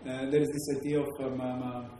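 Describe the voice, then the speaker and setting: In a very echoey hall with faint background noise, a male lecturer with a Greek accent gives an academic talk, stumbling through fillers and restarts. He speaks briskly in a dark, medium-pitched voice with little pitch variation.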